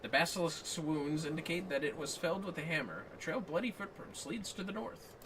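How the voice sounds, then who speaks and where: A somewhat high, expressive male voice, a little fast, belongs to a livestream co-host chatting casually and reading game text aloud with playful exaggeration. He's recording in a home office through a distant mic, with music and other noise behind him.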